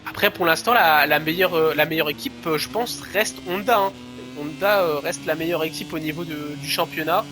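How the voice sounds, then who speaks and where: A man's voice: fairly high pitch, moderate pace, pushed and bright, soft background music. A man giving live play-by-play as a motorsport commentator on a motorcycle racing game.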